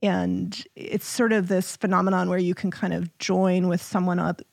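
A woman co-hosting a podcast, explaining relationship signs in a clear, steady, explanatory way. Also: fairly low pitch, no echo. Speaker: podcast co-host. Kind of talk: casual relationship chat.

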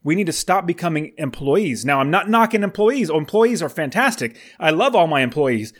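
A man's voice: a little high, lively intonation, moderate pace. A man of forty hosting his podcast, talking in an enthusiastic, encouraging way, with some fillers and restarts. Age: 40s. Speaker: podcast host. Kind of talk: upbeat podcast monologue.

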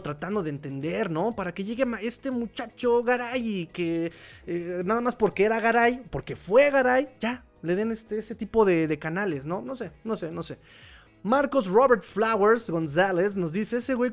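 Chatty high-voiced Mexican man. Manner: chatty, opinionated, laughs often, repeats phrases. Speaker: podcast host reading live chat. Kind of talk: casual live-stream commentary.

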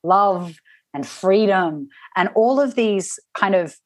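A woman's voice: medium pitch, expressive, slow, no echo. A woman guest telling a personal story in conversation, reflective, often restarting and acting out what people said. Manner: reflective, with frequent restarts and acted-out quotes. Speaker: interview guest.

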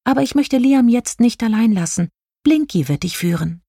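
A woman voicing a caring young female star fairy in a children's story, with a high, emotional manner. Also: lively intonation, moderate pace, gravelly, mellow, slightly rough, dry recording, clean studio sound, full character voice. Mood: heartfelt. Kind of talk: audiobook character voice.

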